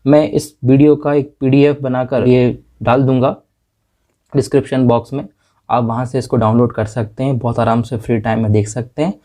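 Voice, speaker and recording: A man's voice: mid-range voice, level tone, normal speed, dark tone. A young man giving a casual exam-prep lesson, chatty and rambling, calling his students friends as he goes through the syllabus. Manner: rambling, with fillers and restarts. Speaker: teacher.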